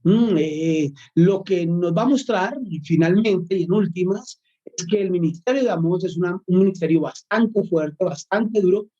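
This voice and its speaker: Mellow-voiced man lecturing on scripture. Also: sits high, a little slow, lo-fi sound. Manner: thoughtful, many hesitations and fillers. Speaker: Bible course professor. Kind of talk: recorded online lecture.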